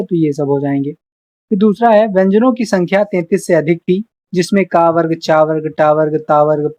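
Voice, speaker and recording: Tutor with a dull lo-fi recording. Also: mid-range voice. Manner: checks in with frequent "okay" between points; lists terms one by one, steady explanatory delivery. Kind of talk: exam-prep lecture, reading notes then explaining.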